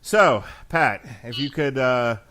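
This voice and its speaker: A man's voice: mid-range voice, slow, bright, forceful tone, a little hiss or hum. A man with a mid-range voice hosts a boxing talk show. He speaks casually and jokingly, slipping into mock-formal flourishes as he steers his co-hosts. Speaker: host of a boxing commentary show.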